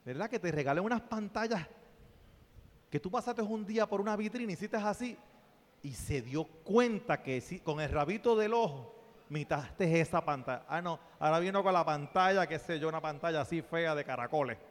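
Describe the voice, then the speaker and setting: A man preaching a sermon, playful and animated, dropping to soft asides and then rising to loud exclamations. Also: fairly high pitch, moderate pace. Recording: long reverb of a church hall.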